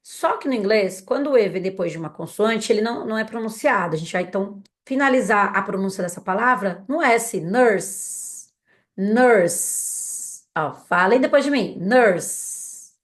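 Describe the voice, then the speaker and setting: In this language lesson, a young woman with a Brazilian Portuguese accent drills English vocabulary, saying each word for learners to echo back. Her mid-range voice has lively intonation, and her repeat-after-me pacing is slow and patient.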